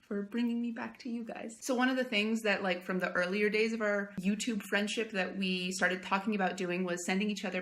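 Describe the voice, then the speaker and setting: A woman's voice: medium pitch, a bit bright. Chatty, gushing young American woman. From United States. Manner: gushing, emotional and chatty, with many likes and you knows. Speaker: book vlogger. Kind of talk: casual unboxing vlog.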